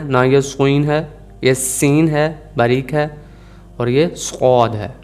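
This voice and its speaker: A man teaching Quranic letter pronunciation in an Urdu accent, drilling each sound slowly over and over. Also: mid-range voice, darkish tone. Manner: slow, repeats letters and words for drilling. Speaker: tajweed teacher. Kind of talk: recorded Quranic pronunciation lesson.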